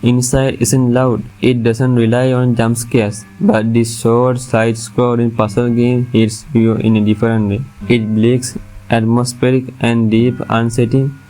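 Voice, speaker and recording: A man's voice: medium pitch, little pitch movement, a little slow, warm tone, poor audio. A man reading a scripted top ten countdown as its narrator, with music playing behind him. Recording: music under the voice.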